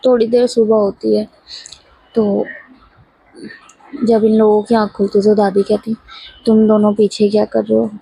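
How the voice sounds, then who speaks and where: A woman casually narrating a story in a relaxed, chatty way, acting out the lines of the people in it. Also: medium pitch, normal speed, gravelly, long pauses, husky, low-quality recording. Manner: relaxed retelling with quoted dialogue.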